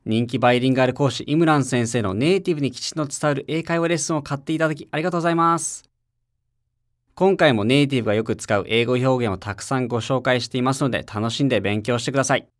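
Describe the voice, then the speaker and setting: A man narrating a scripted language lesson for an audio CD, with an ordinary mid-range pitch. He speaks with a friendly teacher's patience, encouraging listeners to repeat after him. The sound is close and dry, with no room echo. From Japan. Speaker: English teacher.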